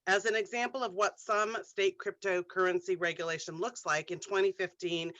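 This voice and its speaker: A woman from New York introduces a conference panel in a measured, formal way and keeps everyone to time. Her voice is bright and a little tense. The audio is dry and dull, like a lo-fi remote call. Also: medium pitch, fairly even intonation, no echo. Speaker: session moderator.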